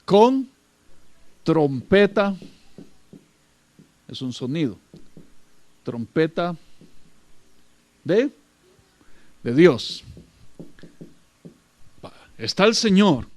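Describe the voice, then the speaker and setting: A man's voice: on the high side, big pitch swings, drawn-out words, pauses often, darkish tone. A man preaching a sermon, emphatic and repetitive, often addressing his listeners as brother.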